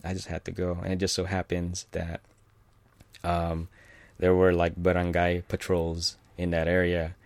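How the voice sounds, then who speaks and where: Deep-voiced man rambling through a story. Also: monotone, unhurried, no room sound. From California. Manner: rambling, many fillers and restarts, chuckles often. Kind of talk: casual personal anecdote.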